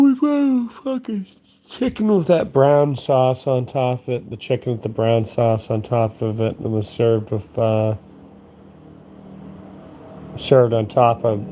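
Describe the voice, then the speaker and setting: A man's voice: mid-range voice, warm tone, a little hiss or hum. A sleepy young man rambling crudely through a late-night monologue, yawning and meandering. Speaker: streamer.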